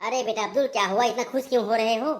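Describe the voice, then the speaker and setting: A woman's voice: on the high side, fairly even intonation, fast talker, lightly acted. A woman voicing a scheming 60-year-old man in a cartoon comedy, bossy and lecturing. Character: scheming 60-year-old male infiltrator, the uncle.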